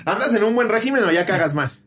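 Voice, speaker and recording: A man's voice: high-pitched, animated, fast talker. A man with a Mexican accent, co-hosting a comedy podcast, cracking crude jokes and reading listener messages. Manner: wisecracking, crude, laughs often. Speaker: podcast co-host. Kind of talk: casual comedy podcast chat.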